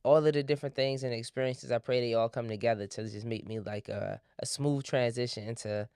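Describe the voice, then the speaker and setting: A woman's voice: a bass voice, fairly even intonation, brisk, warm tone, clear, resonant tone, dry recording, clean studio sound. A woman in her thirties hosting a podcast, telling stories in a laid-back, slangy way. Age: 30s. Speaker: podcast host. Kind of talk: casual chat.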